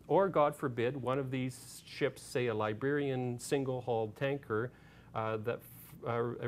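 Man, public talk, storytelling, halting with fillers, mid pitch, faint rumble behind. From Canada. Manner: halting anecdote, many fillers, gets animated and loud retelling shouts. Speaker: author giving a talk.

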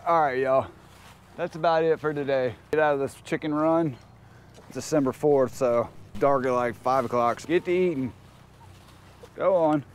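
This homestead vlogger talks in a medium-pitched, smooth voice at normal speed, pausing often. He's outdoors in his backyard chicken run with a handheld camera, chatting informally in folksy slang to his viewers and the animals.

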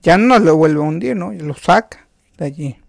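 A man preaching a sermon, slow and emphatic, with rhetorical questions and frequent restarts. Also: on the high side, lively intonation, creaky, no echo, clean studio sound.

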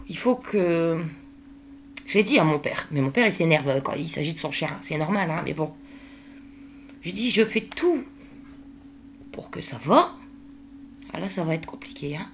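A woman speaks straight to her camera in a casual daily vlog, worn out and exasperated, filling her talk with little hesitations. Her voice sits low with a gravelly edge. A faint hiss runs under the recording. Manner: exasperated, venting, many fillers and hein. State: worn out, at the end of her tether. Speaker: vlogger.

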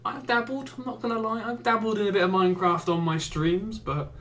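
A man's voice: sits high, fairly even intonation, a little fast, fairly bright tone. A man with an English accent giving casual gaming commentary, reading out questions and answering them with wry, exasperated jokes. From England. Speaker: YouTuber and streamer.

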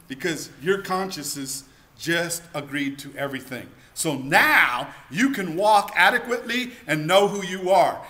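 A man in his forties giving an energetic keynote-style seminar talk to an audience in a meeting room, with emphatic delivery and many rhetorical questions, on a lapel mic. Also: a little high, a little slow. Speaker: keynote speaker.

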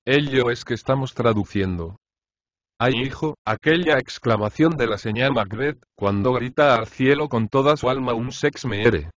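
A man narrating an audiobook, reading letters from a novel in an expressive, measured first-person way. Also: medium pitch, slight background noise. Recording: slightly dull, lo-fi dry recording.

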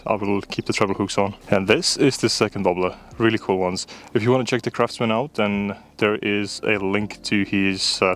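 Talking to his viewers as he fishes a riverbank, a young man from Estonia keeps things chatty and candid in this casual vlog. His voice sits on the low side with a bit of brightness. The footage comes from an action camera worn on his body outdoors.

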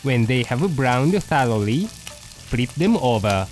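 A man voicing a poodle dog who hosts a cooking show, narrating a recipe in slow, deliberate steps. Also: medium pitch, big pitch swings, a little mellow, low-quality recording. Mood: patient. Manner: slow, deliberate step-by-step instructions.

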